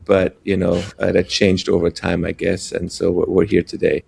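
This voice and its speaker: A man in his forties, born in Iran and raised in Germany, speaking as a relaxed podcast guest with many fillers. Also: sits low, normal speed, vocal fry, breathy edge. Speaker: guest, venture capitalist. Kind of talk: casual podcast interview.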